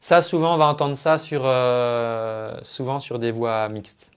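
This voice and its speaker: A man's voice: mid-range voice, steady tone, slow pace, a little hiss or hum. A man working as a vocal coach, giving a chatty, explanatory spoken analysis of a singer's technique. He uses singing jargon and talks into his own microphone at a computer.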